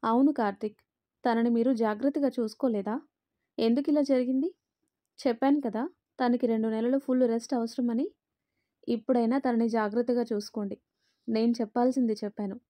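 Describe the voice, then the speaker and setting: A woman's voice: a little high, fairly even intonation, fairly quick, long pauses, warm tone, dry recording, close to an everyday voice. A woman voicing a doctor who gives firm, matter-of-fact instructions with a grave, reproachful tone.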